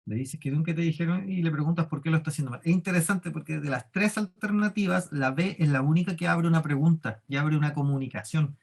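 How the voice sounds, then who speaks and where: A man's voice: on the high side, fast, vocal fry, hardly any pauses. Chilean man teaching a workshop. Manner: explanatory, keeps asking the class questions. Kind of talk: leadership class lecture.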